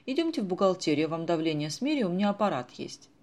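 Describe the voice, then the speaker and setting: A reader voicing a brisk, know-it-all woman accountant in a storybook. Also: mid-range voice, big pitch swings.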